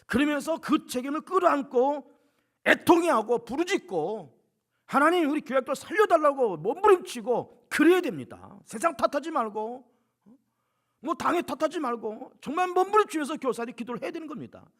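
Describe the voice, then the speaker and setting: A male pastor delivers a sermon in a strikingly high voice. He exhorts with urgency and leans on rhetorical questions and repeated phrases. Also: sing-song, normal speed, fairly bright tone.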